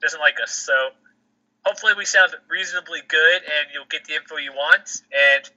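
A man's voice: fairly high pitch, moderate pace, sharp tone. A man hosting a podcast in casual sports chat over a phone call, chatty and laughing often. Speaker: podcast host. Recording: lo-fi phone line.

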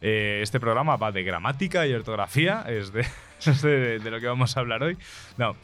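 A man's voice: mid-range voice, animated, moderate pace, a bit bright, faint music behind. A man hosting a podcast, chatting casually in a joking, self-mocking, rambling way. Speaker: podcast host.

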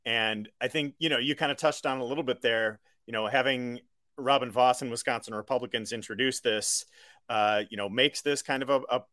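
An American man, a journalist being interviewed, giving conversational political analysis in a measured, explanatory way. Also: medium pitch, steady tone, pushed and bright, no echo, clean studio sound. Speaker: independent journalist, interview guest.

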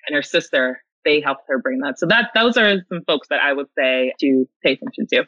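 Bright-voiced woman podcast guest. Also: low voice, expressive, a little fast, dry recording, lo-fi sound. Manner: earnest, grows emotional. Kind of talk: podcast interview.

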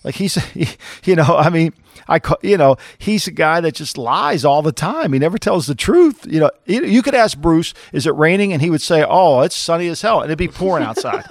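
A man's voice: a little high, lively intonation, fairly quick, no echo, studio quality. A man co-hosting a football podcast, blunt and opinionated, rambling with restarts in casual sports talk. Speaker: co-host, former NFL executive.

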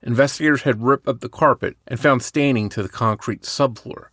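A man co-hosting a podcast, reading a true crime story from a script in a measured way. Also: mid-range voice, a bit bright, breathy edge, no echo, clean studio sound. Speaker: podcast co-host.

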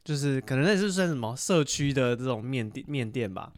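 A young man, co-hosting a podcast and telling an animated story in casual chat. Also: fairly quick, dry recording. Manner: animated storytelling, mimics voices with sharp pitch jumps. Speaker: podcast co-host.

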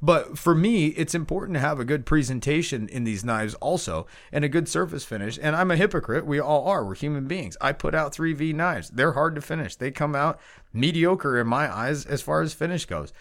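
A man co-hosting a podcast, talking shop in a relaxed, rambling way, laughing easily and poking fun at himself. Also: on the high side, normal speed. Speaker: knife maker and podcast co-host. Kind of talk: casual podcast chat.

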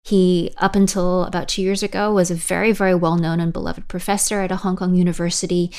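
A woman with a fairly low voice speaks as a correspondent. She explains events in a measured, steady way and now and then restarts a phrase. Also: clean tone. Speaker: correspondent guest. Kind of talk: explanatory news podcast talk.

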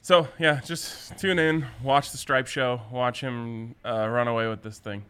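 A man's voice: mid-range voice, fairly even intonation, a little slow, bright, forceful tone, clean tone. A man hosting a sports betting show in a casual, chatty style.

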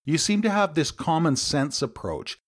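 A man's voice: on the high side, very animated, normal speed. A man hosting a podcast interview, complimentary and encouraging toward his guest. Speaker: podcast host.

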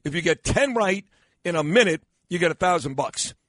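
A male talk radio host with a fairly high, swinging pitch. He banters bluntly and teasingly with callers and reads ads casually. The studio sound is close and dry. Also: animated, moderate pace, fairly bright tone, no echo. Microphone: close studio microphone.

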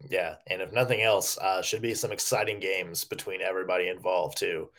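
A man's voice: deep voice, little pitch movement, brisk, fairly bright tone. Easygoing man hosting a podcast. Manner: easygoing, wry, hosting sign-off. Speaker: podcast host. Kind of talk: casual podcast chat.

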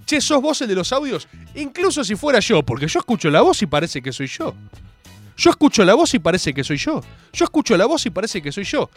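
A man's voice: sits high, a little fast, slightly rough, faint music behind. A young man with a Rioplatense accent hosting a show, ranting sarcastically in a monologue. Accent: Rioplatense Spanish. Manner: sarcastic, animated, mocking voices. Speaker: host.

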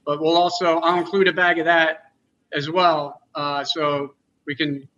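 A man with a Philadelphia accent, a coffee roaster guest chatting casually and haltingly. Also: a little high, level tone, bright, forceful tone, dull audio. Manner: hesitant, full of fillers. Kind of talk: casual chat.

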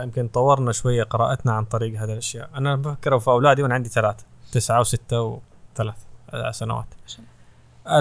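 Fast-talking man hosting. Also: medium pitch, no echo. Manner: relaxed, quick back-channel replies. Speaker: podcast host. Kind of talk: casual discussion.

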